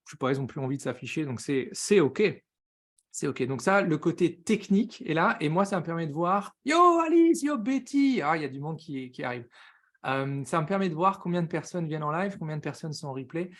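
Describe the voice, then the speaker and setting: A man with a French accent hosting a live business coaching stream, talking very fast and excitedly, greeting viewers by name and using slang. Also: fairly high pitch.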